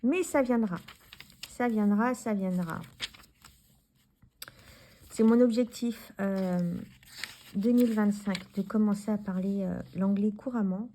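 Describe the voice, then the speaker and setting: A woman's voice: medium pitch, takes it slowly, long pauses, dark tone, slight background noise. Chatty French woman reviewing tarot decks. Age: 40s. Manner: chatty, rambling, many fillers and restarts; talks to the viewer directly, handling cards. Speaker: tarot YouTuber. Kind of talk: casual deck review vlog.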